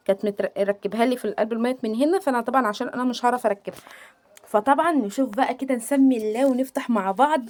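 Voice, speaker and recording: A young woman with an Egyptian accent, chatting excitedly in a casual unboxing vlog, gushing and rambling, filmed on a handheld phone. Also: a little high. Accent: Egyptian Arabic. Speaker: vlogger. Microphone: phone held in hand.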